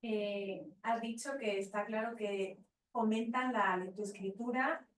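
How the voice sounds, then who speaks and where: A woman's voice: mid-range voice, fairly even intonation, takes it slowly, distant mic. Woman asking a question in an echoey hall. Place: conference hall.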